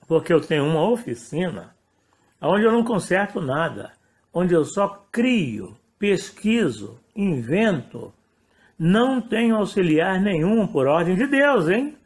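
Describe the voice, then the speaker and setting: A male pastor with a Brazilian Portuguese accent tells a personal testimony. His voice sits a little high and swings widely in pitch. He rambles and corrects himself mid-sentence. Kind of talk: testimony sermon.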